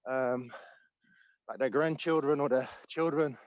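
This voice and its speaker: A man's voice: mid-range voice, unhurried, dry recording, lo-fi sound. A man talking thoughtfully in a casual group discussion while out of breath from climbing a hill, hesitating often with ums. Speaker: community group participant.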